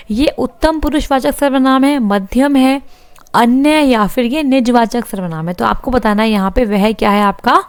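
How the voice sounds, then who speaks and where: A woman's voice: a little high, dry recording. A young woman teaching a grammar lesson for exam students, reading out example sentences and asking and answering her own questions. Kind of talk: online exam-prep lesson.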